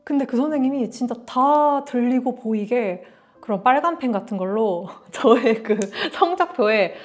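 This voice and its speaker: A woman's voice: fairly high pitch, normal speed. A young woman from Korea telling a story to camera in a casual vlog, acting out bits of dialogue as she goes. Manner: animated, acts out dialogue in quotes. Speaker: vlogger.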